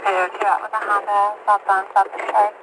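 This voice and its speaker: A high-pitched man dispatches over police radio, talking fast as he repeats back a unit's position. His voice sounds distant and comes through thick hiss. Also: flat delivery. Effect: police radio transmission. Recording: noisy distant radio audio.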